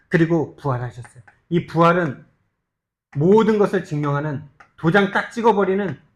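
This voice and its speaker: In a church sanctuary, a male pastor preaches an emphatic sermon packed with rhetorical questions. He swings between loud, urgent stretches and soft, low asides.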